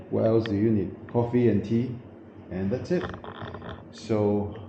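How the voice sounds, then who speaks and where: A low-voiced travel vlogger from New Zealand gives a casual walkthrough of a small windowless hotel room. He speaks haltingly, repeating and correcting himself with plenty of fillers, and the recording is echoey and muffled with background noise.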